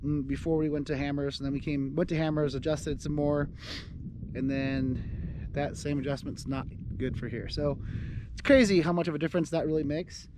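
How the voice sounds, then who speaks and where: A man's voice: a little high, steady tone, normal speed, noisy background. A young man chatting casually outdoors beside his off-road vehicle, rambling with many fillers and restarts. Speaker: off-road vlogger. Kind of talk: casual chat on camera.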